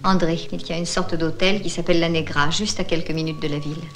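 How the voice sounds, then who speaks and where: A woman's voice: low-pitched, fairly even intonation, fast talker, lightly acted. An actress playing a small, short-sighted, mercenary female informant in a dubbed film drama, with a teasing, theatrical manner. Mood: smug, teasing. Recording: music behind the voice.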